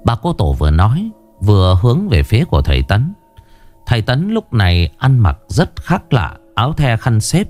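A man narrating a horror story in a dramatic, lively storytelling manner. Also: mid-range voice, normal speed, faint music behind.

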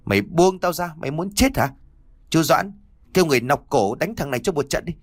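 A man's voice: lowish voice, expressive, fast talker, no echo. A man voicing a proud, superstitious rich woman who barks orders. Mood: commanding. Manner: sharp, commanding.

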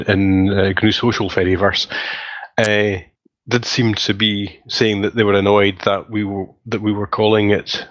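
Low-voiced man, rambling podcast chat. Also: a bit bright, no room sound. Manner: rambling, self-correcting storyteller. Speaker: podcast host. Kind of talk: casual chat. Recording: slightly muffled lo-fi audio.

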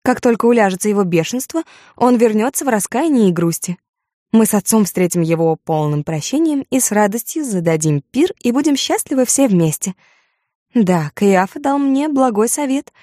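A woman voicing a proud young beauty, delivered in shrill, impassioned bursts. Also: lively intonation, normal speed, warm tone, no room sound, clean studio sound, natural voice. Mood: hopeful.

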